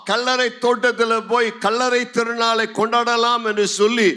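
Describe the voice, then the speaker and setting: High-voiced Tamil pastor preaching dramatically. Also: male voice. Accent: Tamil Nadu Tamil. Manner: dramatic, acts out scripture dialogue, rising to shouts. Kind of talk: sermon. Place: large church hall.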